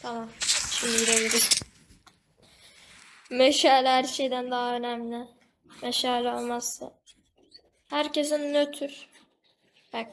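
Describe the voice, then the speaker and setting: A woman's voice: on the high side, level tone, measured pace, pauses often, slight background noise. A woman giving casual, chatty commentary over her gameplay, talking to the game animal and to her viewers. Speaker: gaming video host.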